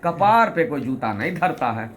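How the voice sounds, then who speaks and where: A man's voice: fairly high pitch, big pitch swings, normal speed, slight background noise. A man telling a funny personal story and explaining his own comic poem. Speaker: storyteller and poet. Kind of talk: anecdote and recited humorous poem.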